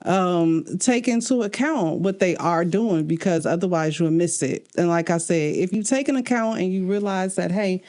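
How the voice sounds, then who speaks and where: Low, mellow-voiced woman co-host. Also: normal speed, hardly any pauses. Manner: earnest, faith-minded, laughs often. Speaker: podcast co-host. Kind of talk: casual relationship talk.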